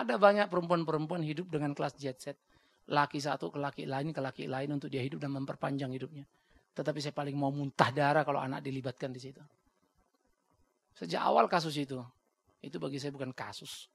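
A man's voice: fairly high pitch, fairly even intonation, brisk, vocal fry, breathy edge, no room sound. A man preaching a sermon bluntly and with energy, acting out the voices he quotes and dropping English words into his talk. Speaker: pastor.

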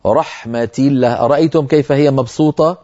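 A man teaching Quran reading in a broadcast lesson, explaining slowly and chanting the quoted verses. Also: mid-range voice, warm tone, lo-fi sound. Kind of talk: televised religious lesson.

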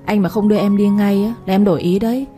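A woman's voice: mid-range voice, steady tone, quick pace, mellow, faint music behind, close to an everyday voice. A woman voicing a cunning young village woman who pouts and insists. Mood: wheedling. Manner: pouting, insistent.

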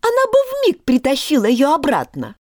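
Woman reading as storybook girl, polite, eager to please, very high, lively, dry close sound. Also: normal speed, dry recording.

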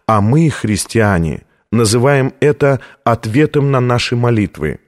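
A man reading a calm, patient older father. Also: medium pitch, a little slow, lightly acted. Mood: explaining. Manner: patient explaining.

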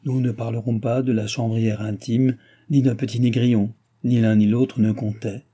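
A man reading a classic novel aloud in a measured, even way. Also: mid-range voice, husky. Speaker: narrator. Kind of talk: audiobook reading.

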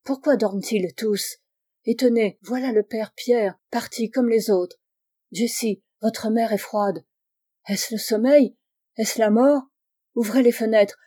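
A woman reading the part of a middle-aged father who exclaims loudly in an audiobook. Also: fairly high pitch, takes it slowly. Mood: alarmed. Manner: loud, exclaiming. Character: panicking middle-aged father, loud and jovial.

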